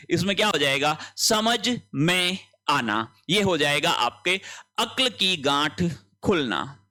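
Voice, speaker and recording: Male tutor, high-pitched, walks students through answer options one by one. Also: sharp tone. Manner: explains each option step by step, checking in with students. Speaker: Hindi exam tutor. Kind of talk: exam answer-key lesson.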